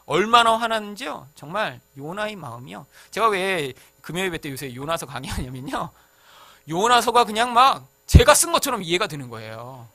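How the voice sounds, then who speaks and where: Lively, bright-voiced preaching man. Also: sits high, moderate pace, no echo. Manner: animated, conversational preaching with sudden loud outbursts. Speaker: pastor. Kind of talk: sermon.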